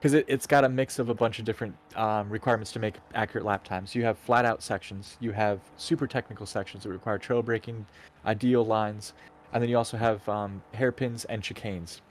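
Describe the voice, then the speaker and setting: A man's voice: fairly low pitch, fairly even intonation, a little fast, a little hiss or hum. A man co-commentating on a racing livestream, casually explaining in an analytical way.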